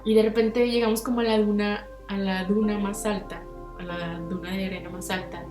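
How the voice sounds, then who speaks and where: A woman's voice: mid-range voice, normal speed, echoey room, music in the background. A young Mexican woman hosting a podcast, telling a personal story in casual slangy chat and acting out what people said. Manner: animated, slangy, acts out quotes with big voice swings. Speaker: podcast host.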